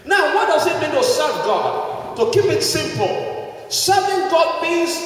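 A male pastor preaching a sermon, shouting his emphasis, asking the congregation to repeat after him, with many "you know" fillers. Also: extremely high pitch, very animated, unhurried. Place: church hall. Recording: echoey hall, mic far off.

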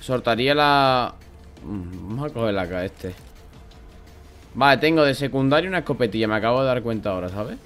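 Excitable Spanish gamer man, sore throat. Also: mid-range voice, a little fast, soft background music. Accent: Spanish from Spain. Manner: excitable, swears a lot, bursts into loud shouts. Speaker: gaming YouTuber. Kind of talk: let's play commentary.

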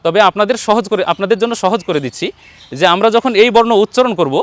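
A high-voiced man teaches Quran pronunciation online, going letter by letter. He is patient, repeating each letter slowly so viewers can copy him.

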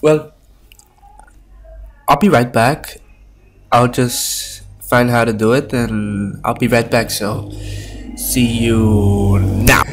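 A man casually narrating his gameplay with rambling, profane commentary, his voice coming through the low-quality audio of a webcam microphone at his home computer. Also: fairly even intonation, takes it slowly, pauses often, slightly rough, soft background music. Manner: rambling and profane, thinking aloud while playing. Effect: low-quality stream audio from a webcam mic. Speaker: Minecraft let's-play streamer.

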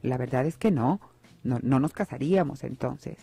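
A woman's voice: very deep voice, moderate pace, gravelly, dark tone, husky. A woman hosting a radio psychology show, talking reflectively and asking her listeners rhetorical questions. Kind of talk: radio advice talk. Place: radio studio.

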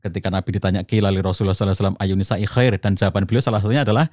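Calm middle-aged man, dry close sound. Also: rapid-fire, no room sound. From Solo region, Central Java. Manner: calm explanatory, addresses host as Ustaz, rises in pitch for emphasis. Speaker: family counselor, podcast guest. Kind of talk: conversational religious talk.

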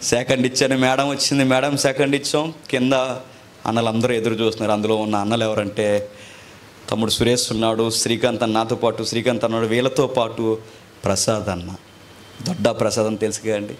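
A man preaching, telling his own testimony, who drops to hushed asides and then rises to loud emotional peaks. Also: lowish voice, little pitch movement, brisk, a little hiss or hum. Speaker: pastor.

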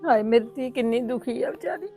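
A woman's voice: fairly high pitch, expressive, a little fast, warm tone, faint music behind. A woman playing a worried mother who laments her daughter's troubles in a tearful, sorrowful way. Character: worried middle-aged mother, sorrowful and protective. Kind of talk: family web drama acting.

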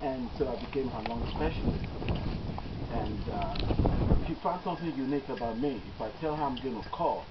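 A middle-aged physician with a Nigerian accent gives an earnest personal eulogy, full of fillers, to a gathering under a tent on a grass field. His voice is medium-pitched, expressive and fairly quick, captured with no mic by a distant camera, so the audio is dull and lo-fi with loud outdoor noise.

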